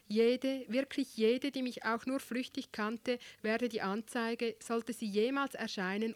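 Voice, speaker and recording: A woman narrates an audiobook in first person, with a wry and expressive delivery. Her voice sits fairly high for a woman. The recording is close and very dry, with no room sound. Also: dry recording.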